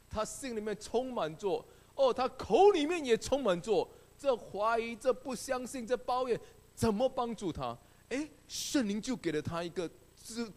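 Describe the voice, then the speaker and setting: A male pastor delivers a sermon in a high, animated voice. His pitch swings widely as he tells a story and acts out its characters' voices.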